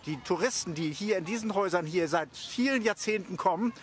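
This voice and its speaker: A man's voice: sits high, brisk. An older man interviewed outdoors on a park lawn, arguing his point with frequent hesitations and restarts. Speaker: local resident interviewed. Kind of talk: street interview.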